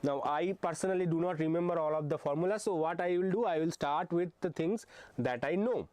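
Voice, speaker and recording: A young man runs an online physics exam-prep lesson in a fairly high, darkish voice at a brisk clip. He walks through the material step by step, frequently hesitating with "uh" and "um" and checking in with "okay."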